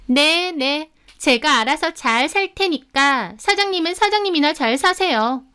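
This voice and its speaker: A woman's voice: drawn-out words, sharp tone, clear, resonant tone, full character voice. A woman voicing a brazen, pregnant young woman who sneers at her rival in a narrated story. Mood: sneering. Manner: sneering, shrill and defiant. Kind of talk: storybook character voice.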